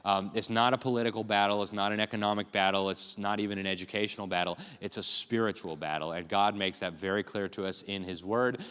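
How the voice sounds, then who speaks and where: A man's voice: on the low side, fairly even intonation, fast, hardly any pauses, a bit bright, smooth. A man giving an urgent, emphatic conference speech, full of rhetorical asides to a live audience. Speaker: conference speaker. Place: large hall with audience. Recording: live talk in a reverberant hall.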